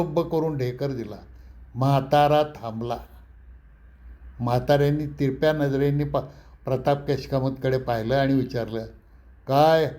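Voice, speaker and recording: A man telling a personal story from his younger days in a relaxed, conversational way. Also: on the high side. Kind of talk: anecdotal memoir storytelling.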